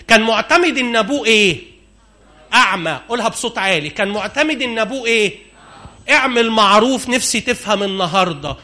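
A man preaching a sermon in Egyptian Arabic, animated and constantly questioning his congregation. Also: high-pitched.

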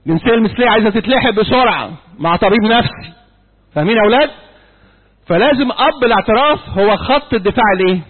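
A man's voice: high voice, expressive, rapid-fire, husky. A man in his sixties with an Egyptian accent, lecturing young people at church, repeating key points and quizzing his listeners. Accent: Egyptian Arabic. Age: 60s. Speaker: church youth speaker. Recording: tinny phone-like audio in a reverberant hall.

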